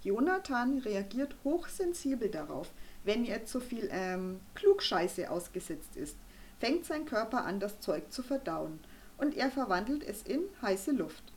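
Stern know-it-all doctor guy, woman reading him, gruff and preachy, storybook. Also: medium pitch, sing-song, measured pace, a little hiss or hum. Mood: confiding. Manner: gruff, lecturing, then conspiratorial. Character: stern pompous male doctor. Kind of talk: audiobook reading.

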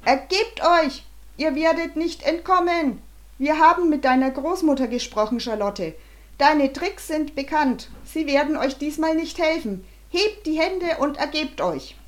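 A bossy male gym teacher yells surrender demands through a megaphone in a raised, strained pitch, as a woman reading the story puts him on. He sounds loud and pushy, like a storybook villain's henchman. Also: animated, measured pace. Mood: commanding. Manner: shouting commands.

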